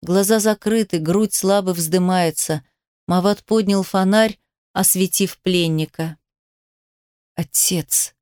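A woman narrating a novel in a measured, even storytelling manner. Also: on the low side, clear, resonant tone, no room sound, studio quality. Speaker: audiobook narrator. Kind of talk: scripted narration.

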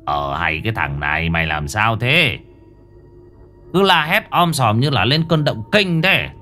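A man voicing a gruff older neighbor who scolds a young man for making noise at night. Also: on the low side, expressive, a little slow, pushed and bright, faint music behind. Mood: grumpy scolding. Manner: scolding, grumbling.

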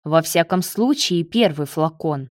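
A woman's voice: deep voice, lively intonation, a little slow, dry recording, clean studio sound. A woman reading a terse, commanding young man. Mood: urgent. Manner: terse, urgent orders.

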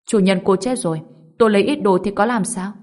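A woman's voice: lowish voice, a little fast, darkish tone, natural voice. A woman voicing a confident young male swordsman hero in an audiobook, matter-of-fact and assured. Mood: defensive.

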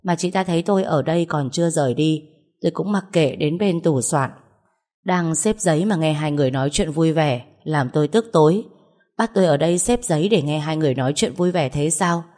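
A young woman with a low voice tells a first-person audio story in a steady, even manner. She sounds settled and unhurried. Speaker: narrator.

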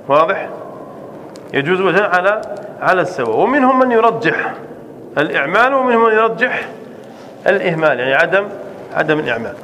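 Male grammar teacher, fairly high voice, patient explainer who drags out examples, faint hiss behind. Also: fairly bright tone. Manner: slows down to spell out example sentences, asks "clear?" often. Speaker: sheikh teaching Arabic grammar. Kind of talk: classroom grammar lesson.

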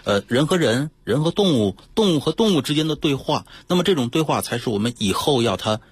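一位带北京口音的男配音演员兼配音导演，在电台访谈里生动而强调地讲解，嗓音很沙哑。. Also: male voice, medium pitch, brisk, breathy edge, no room sound. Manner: animated, emphatic explaining. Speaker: voice actor and dubbing director. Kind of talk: radio interview talk. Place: radio studio.

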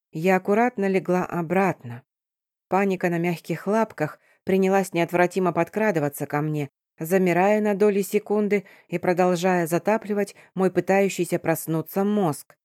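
Dark-voiced young woman reading an audiobook. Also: lowish voice, no echo, clean studio sound. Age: young adult. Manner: expressive, with soft dips for whispers and thoughts. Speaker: audiobook narrator. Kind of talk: first-person audiobook narration.

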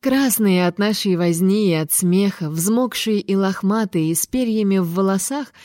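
A woman narrating an audiobook in a measured, expressive reading. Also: medium pitch, no echo, clean studio sound.

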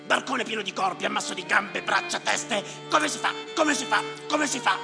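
Here a gravel-voiced male performer plays a grumbling, cynical clerk tallying the drowned, in a stage monologue with live music in a reverberant hall. High-pitched, animated, and at a normal speed, his raspy delivery is mocking and declamatory. He mutters to himself, sneers, and keeps repeating words obsessively.

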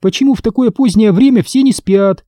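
A man's voice: high voice, brisk, warm tone, no room sound, studio quality, voice pushed up, lightly acted. A man voicing an eager young neighbor girl in an audiobook, asking questions. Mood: curious.

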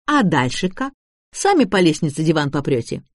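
Fussy pompous salesman, read by a man, audiobook, lively pitch, dry sound. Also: no room sound. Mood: unctuous. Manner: fussy, formal, drawn-out. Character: pompous smooth-talking male furniture salesman. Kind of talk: audiobook reading.

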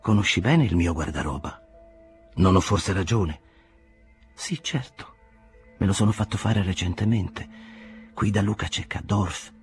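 A man reading aloud voices a mocking young foreign woman with a slightly veiled, pleasantly hoarse voice, in a storybook reading. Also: sits low, measured pace, long pauses, faint music behind. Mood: teasing. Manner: mocking, playful.

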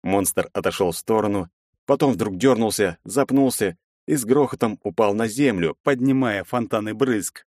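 A man's voice: fairly low pitch, normal speed, darkish tone, no room sound, clean studio sound. A man narrating a first-person action audiobook with a dramatic reading.

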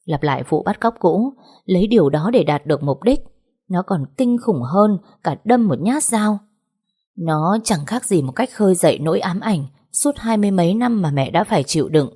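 A woman narrates a first-person audiobook story. Her voice is low and dark with a husky, breathy texture. She reads in a slow, mournful way. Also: animated.

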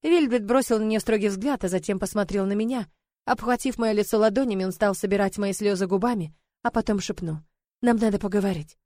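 A woman narrating a first-person novel in an emotional, measured way. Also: mid-range voice, dark tone, no room sound, studio quality. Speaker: audiobook narrator.

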